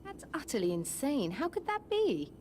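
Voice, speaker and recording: Stilted puzzled doctor, swooping pitch. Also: female voice, wildly swooping pitch, normal speed, darkish tone, roomy sound, slight background noise. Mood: skeptical. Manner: stilted, hesitant delivery, bad acting. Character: puzzled, skeptical female doctor at an observatory. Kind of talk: scripted video game acting.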